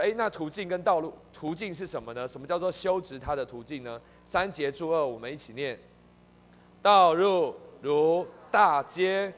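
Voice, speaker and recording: A man's voice: on the high side, in a large hall. A man leading a church Bible study, earnestly repeating key points and calling the group to read along.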